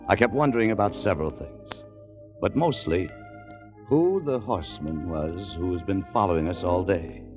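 A hard-boiled American adventurer. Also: male voice, sits low. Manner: laconic, wry, hard-boiled. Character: American adventurer, dry and wary. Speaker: lead and narrator of the story. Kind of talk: 1940s radio acting. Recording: lo-fi old radio broadcast with music bed.

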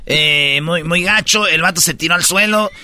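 A man's voice: a little high, moderate pace, sharp tone. A Mexican man hosting a comedic news chat, slangy and joking, acting out voices. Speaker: host.

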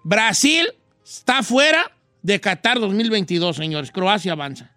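A man's voice: sits high, lively intonation, unhurried, bright, forceful tone, no room sound, faint music behind, heavily acted. A man playing a talkative old male host of a radio call-in show, exclamatory, who stammers and repeats his words.

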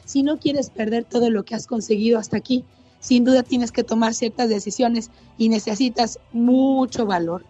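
An earnest woman reading a direct relationship advice segment to women listeners. Her voice is mellow and slightly high. The audio is dull and muffled, with faint music under it. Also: moderate pace. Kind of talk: scripted advice monologue.

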